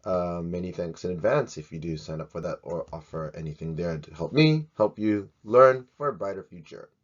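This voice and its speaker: A man from Australia, teaching an English grammar video lesson in a jokey, animated way. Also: deep voice, moderate pace. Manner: jokey, animated, swings in loudness. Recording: dull lo-fi sound.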